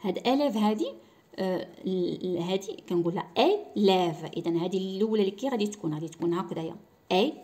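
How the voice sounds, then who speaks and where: Giving a classroom lesson, this woman teacher has a Moroccan Arabic accent and a mid-range, animated voice with a darkish tone. Her pace is slow, and she says words more than once to demonstrate their pronunciation.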